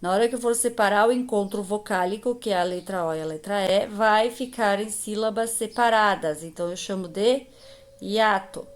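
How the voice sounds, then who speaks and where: Her mid-range voice moves at a normal speed as this Brazilian-accented primary teacher gives a recorded grammar lesson to young pupils. She patiently lengthens the example words.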